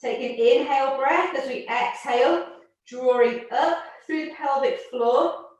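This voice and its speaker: A woman's voice: sits high, a little slow, muffled recording. A woman fitness instructor cueing moves and counting reps, out of breath at times. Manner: counts reps and cues moves, gently encouraging. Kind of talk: exercise class instruction. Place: room with barre and mats. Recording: echoey room, voice from far off.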